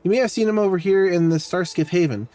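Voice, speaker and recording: A man's voice: sits high, fast talker, warm tone, close to an everyday voice. A man reading the lines of a grumbling young male bookstore helper, in a plain voice. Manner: read aloud in a plain voice.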